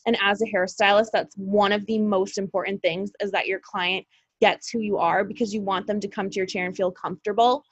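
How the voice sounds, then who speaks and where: A woman's voice: medium pitch, fairly even intonation, a little fast, no echo. Female podcast guest, upbeat and friendly, slightly dull remote-call audio. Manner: upbeat, friendly, talks in run-on tips. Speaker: podcast guest, social media coach. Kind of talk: casual chat.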